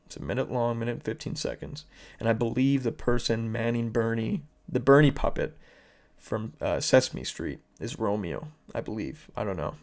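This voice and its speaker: A man's voice: mid-range voice, a little mellow. A man hosting his own podcast, rambling through internet videos in casual, profane, sarcastic commentary. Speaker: podcast host.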